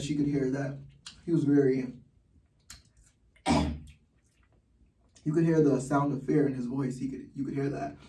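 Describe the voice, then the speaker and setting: A man's voice: mid-range voice, vocal fry, warm tone, distant mic. A man giving heated, blunt personal commentary as a vlogger, swearing often. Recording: roomy echo, from the mic.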